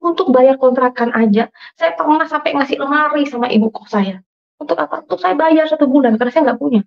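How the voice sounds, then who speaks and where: A woman's voice: high voice, fast talker, gravelly. A middle-aged woman from Madura giving an emotional personal faith testimony, often calling her listeners "saudara". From Madura, Indonesia. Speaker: testimony speaker. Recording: dull lo-fi recording.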